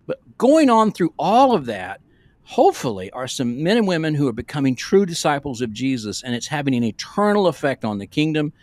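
On a casual podcast recorded over a remote video call in a small room, a man in his sixties who is a pastor co-hosts, rambling along in a folksy manner. Captured on a close podcast microphone with no room sound, his voice is a little high and darkish in tone, brisk, with big pitch swings.

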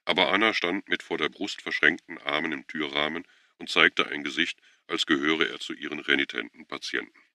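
A man narrates a novel in a steady, measured way. His voice is extremely deep and gravelly, yet crisp and bright in tone, and it is recorded dry and close with no room sound. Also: no room sound. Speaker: audiobook narrator. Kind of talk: scripted narration.

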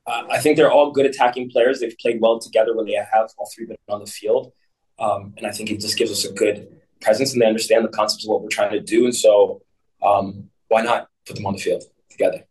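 A soccer coach giving measured, brief post-match answers over a video call. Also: male voice, lowish voice, level tone, darkish tone, recorded from a distance, rough recording.

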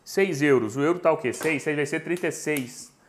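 A man's voice: fairly high pitch, moderate pace, slight background noise. A man in his forties with a Brazilian Portuguese accent, hosting a live cooking stream from his home kitchen and chatting with viewers. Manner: animated storytelling, chatty and joking with viewers. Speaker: cooking show host. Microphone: lapel mic.

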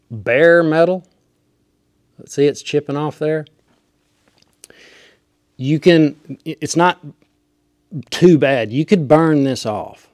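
A man's voice: a little high, darkish tone, dry recording, studio quality. Folksy man teaching in a workshop. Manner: folksy, emphatic, demonstrating with gestures. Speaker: welding instructor. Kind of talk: hands-on how-to demonstration. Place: small workshop with machine tools, indoors. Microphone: clip-on lapel mic.

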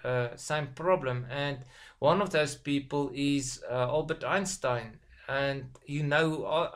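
A man with a South African Afrikaans accent gives a casual motivational talk to his webcam as an online business vlogger, recorded at desk distance in a small room at home. His mid-range, slightly bright voice is halting, full of ums and repeated words.

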